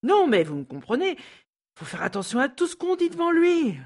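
An actress playing a resentful, anxious housemaid who complains and hesitates. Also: female voice, low voice, expressive, moderate pace, slightly rough, heavily acted. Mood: grumbling. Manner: complaining, fretful, hesitant with many fillers. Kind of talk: audio drama acting.

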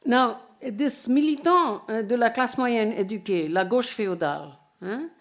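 Reading a formal academic lecture from prepared text, this older woman from India, a native Bengali speaker, pauses now and then for hesitant asides in English. Her pitch is fairly high and her pace unhurried.

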